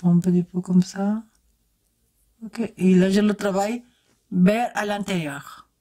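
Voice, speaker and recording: A woman's voice: medium pitch, steady tone, measured pace, warm tone. Chatty woman doing a makeup tutorial. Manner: chatty, talks straight to viewers while working; enthusiastic exclamations. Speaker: beauty vlogger. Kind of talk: casual makeup tutorial chat.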